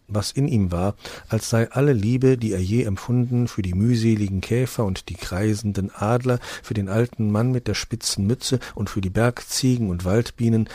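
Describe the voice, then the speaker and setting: A man reading a fairy tale aloud in a calm, measured storytelling manner into a close microphone. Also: fairly low pitch, no echo. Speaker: reader.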